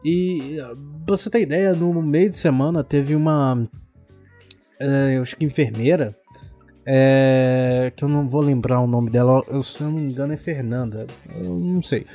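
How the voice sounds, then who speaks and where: A man's voice: mid-range voice, normal speed, dark tone, faint music behind. A man with a Brazilian accent, ranting indignantly and sarcastically, with plenty of swearing, in a casual chat. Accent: Brazilian Portuguese.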